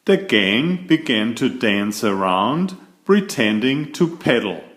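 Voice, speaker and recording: Reading to children, a medium-pitched man works through a picture book slowly and deliberately, giving it an expressive, storytelling delivery.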